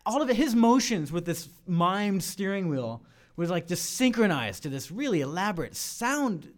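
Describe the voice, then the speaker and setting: In a studio, a man with a high-sitting voice and big swings in pitch talks at a moderate pace into a studio microphone. He's a guest, an improv and sketch performer, chatting casually in an interview about his work, loose and full of fillers and restarts.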